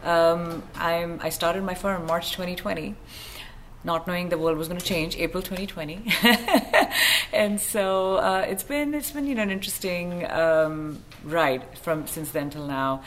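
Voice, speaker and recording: A woman's voice: on the low side, measured pace, slight background noise. A woman from Kuwait who owns an interior design firm, introducing herself on a panel in a chatty way with many fillers. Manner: chatty, self-deprecating, with fillers.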